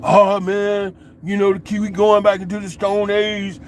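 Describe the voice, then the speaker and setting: A man's voice: high voice, monotone, unhurried, a little hiss or hum, pitched above the performer's own voice. A man imitating a panicked man who fears the world is ending, exclaiming frantically. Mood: panicky. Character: panicky man fearing doomsday.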